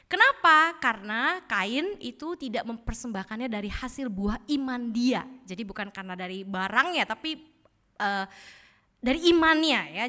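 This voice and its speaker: A woman preacher giving a lively sermon in a church, quizzing the congregation with playful asides. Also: a little high. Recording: echoey church hall.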